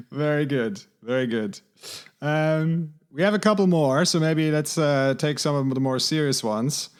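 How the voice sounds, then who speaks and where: A man's voice: on the high side, unhurried. A middle-aged man hosting a podcast, asking questions in a friendly, hesitant way with lots of uhs. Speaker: podcast host. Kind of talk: casual interview.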